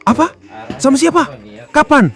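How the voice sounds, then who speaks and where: Flustered husband, loud raised exclamations, high pitch, lively, a man voicing him. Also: normal speed, faint music behind. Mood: shocked. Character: startled office husband, flustered and awkward.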